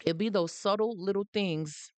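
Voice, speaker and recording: A livestream host with a Jamaican accent speaks directly to viewers in a mid-range, slightly mellow voice at normal speed, with no room sound. She makes her points emphatically, repeats them, and stops to greet people who join the stream.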